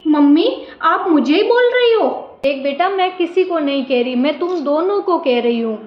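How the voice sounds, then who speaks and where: Woman playing a soft, patient older mother, calm reasoning, high voice, echoey room, family drama skit. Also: moderate pace, faint music behind. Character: gentle, fair-minded older mother. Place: indoors at home. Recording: roomy, dull lo-fi sound.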